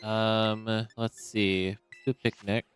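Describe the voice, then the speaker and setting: Streaming a game, a young man comments casually and talks to himself in a relaxed, rambling style full of fillers. His voice is lowish and slow, with faint music behind it.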